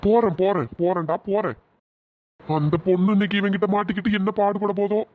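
A performer as the hero's calm cartoon buddy. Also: mid-range voice, a little fast, close to an everyday voice. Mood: advising. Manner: calm and advising. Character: easygoing young male buddy of the hero. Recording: dull lo-fi voice track.

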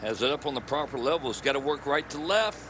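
A man's voice: medium pitch, animated, quick pace. A man giving casual, analytical live commentary as a golf commentator. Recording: clearly noisy outdoor broadcast.

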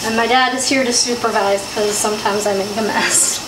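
A teenage girl vlogs from her home kitchen, chattily explaining a recipe step by step with lots of fillers in a casual cooking demo. Her medium-pitched voice has fairly even intonation and a fairly quick pace. She films on a phone camera, sometimes handheld, in an echoey kitchen with loud background noise.

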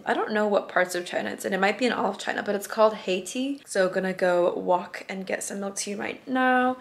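A woman's voice: medium pitch, gravelly. A young woman in her twenties, talking casually and upbeat as a travel vlogger, filming herself with a handheld phone. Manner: chatty and upbeat, with quick asides. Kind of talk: casual vlog narration. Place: malls, shops and a hotel room, indoors. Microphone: handheld phone camera at arm's length. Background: loud background music.

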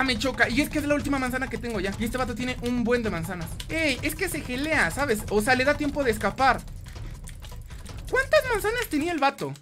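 A young man with a Mexican accent doing excitable, playful gameplay commentary, talking straight to his viewers. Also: very high voice. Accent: Mexican Spanish. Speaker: gaming YouTuber.

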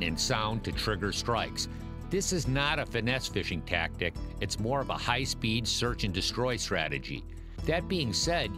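A male narrator with a low, lively, rising-and-falling voice reads a scripted explanation from a studio booth. Guitar music plays clearly behind him. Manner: steady, informative. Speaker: show narrator. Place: studio voice-over.

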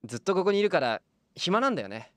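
A friendly, lonely little boy in hospital, acted by a man for a tabletop game. The voice lifts high and lively, with childlike simple phrasing. It is recorded close and dry. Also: quick pace, dry recording. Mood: friendly, eager. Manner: calling out and chatting in simple childlike words. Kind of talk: tabletop role-play. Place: small padded studio room. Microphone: close studio microphone on boom arm.

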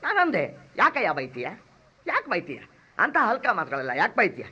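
An actor playing a cheeky comic servant who rattles off insults and mocks others in stage comedy style. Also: male voice, sits high, wildly swooping pitch, bright, forceful tone, slightly rough, full character voice. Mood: mocking. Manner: rapid strings of abusive insults, mocking mimicry. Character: cheeky comic male servant, loud and mocking. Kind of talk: stage comedy drama acting. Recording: dull lo-fi drama recording.

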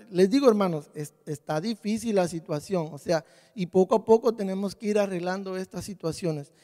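A man's voice: sits high, dark tone. A man giving a conversational church sermon in a folksy way, repeating phrases and often checking in with his listeners. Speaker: church leader. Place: church hall. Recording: live church hall with long reverb.

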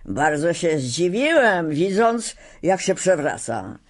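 A woman's voice: on the low side, very animated, slow pace, exaggerated voice. A woman voicing a huge but cowardly male lion in a storybook reading, humble and hesitant. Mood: sheepish.

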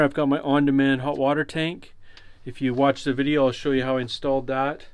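A man giving a relaxed walkthrough of his trailer build, explaining as he goes with some fillers. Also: mid-range voice, a little hiss or hum. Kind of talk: casual walkthrough tour. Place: inside a converted cargo trailer.

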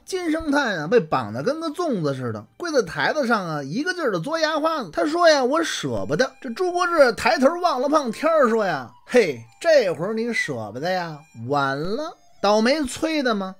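A woman telling a historical story in a chatty traditional storytelling style, addressing the listener directly. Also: on the high side.

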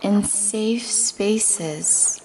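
The audio is poor, with slight background noise, as a woman with a medium-pitched, warm voice leads a guided meditation with affirmations. Slow and soothing, she sometimes drops to a breathy near-whisper.

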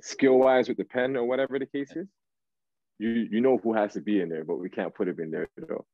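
A low-voiced man, a guest R&B singer from Canada who was raised in Toronto, chats loosely in a casual interview over a video call. He speaks slangy and halting, circling back while searching for words. The audio is close, dry and slightly lo-fi, with no room sound, captured indoors in a small room on a device held at arm's length.

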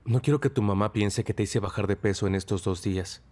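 An actor playing a patient young man who gently coaxes a small child to eat, in a Spanish-dubbed TV drama. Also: lowish voice, fairly quick, a little hiss or hum, lightly acted. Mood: coaxing. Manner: gentle, coaxing.

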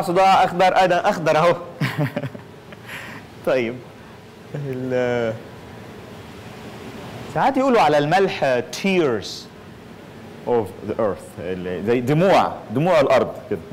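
A man's voice: a little high, slight background noise, poor audio. A man with an Egyptian Arabic accent giving an informal lecture, playful and punning, slipping English phrases into his talk.

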